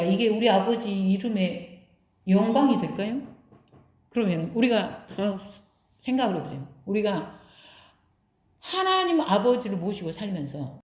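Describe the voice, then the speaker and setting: A woman's voice: mid-range voice, darkish tone. A woman pastor preaching a sermon, putting rhetorical questions to her congregation and answering them herself. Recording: echoey room.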